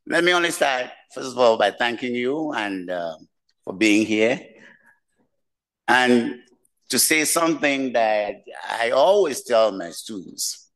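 An older man from Nigeria and Cameroon with a mixed West African accent, giving a slow, humorous keynote speech from a podium in a lecture room. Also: mid-range voice, expressive, fairly bright tone, poor audio. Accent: West African, mixed from many languages. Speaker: keynote speaker, professor. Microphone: podium mic.

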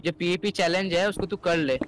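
A man chatting in over voice chat while playing a game with friends, giving quick, urgent instructions. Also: high-pitched, steady tone, slight background noise. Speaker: gaming YouTuber playing with friends. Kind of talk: casual gaming voice chat.

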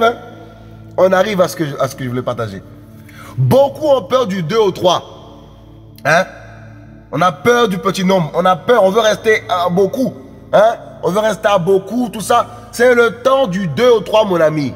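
A man's voice: high-pitched, husky, in a large hall. A man preaching a sermon with passion, repeating phrases and sometimes breaking into song. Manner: impassioned, repetitive, breaks into sung phrases.

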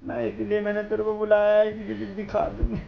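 A man's voice: high voice, completely flat delivery, a little fast, creaky, music in the background. A young man hosting a prank video, pleading and soothing, using pet names over and over. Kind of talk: staged prank conversation. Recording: dull audio with faint noise.

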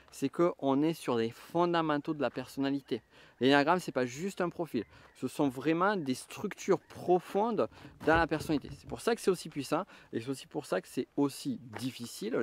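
A middle-aged man from the southwest of France speaks with a southwestern French accent, his voice sitting at an ordinary mid-range pitch. He coaches the listener through a reflective explanation, often hesitating and starting his sentences over as he thinks aloud. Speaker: enneagram coach and trainer. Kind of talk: reflective teaching monologue.

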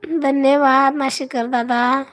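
A woman with a Marathi accent, hoarse from a cough, hosting a casual live stream and greeting and thanking her viewers by name. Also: high-pitched, flat delivery, slow.

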